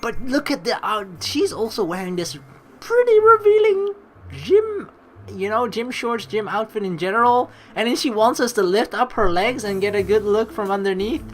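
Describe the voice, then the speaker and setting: Her fairly high voice has a sing-song quality and a moderate pace, though the audio is poor with a little hiss or hum. This playful, teasing let's player commentates on a game while reading its story text aloud.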